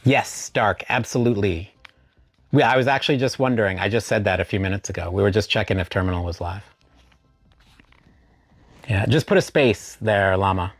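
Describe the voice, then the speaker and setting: A man's voice: lowish voice, moderate pace, long pauses, dry recording, soft background music. A man hosting a casual live stream, greeting viewers by name and spelling out chat commands.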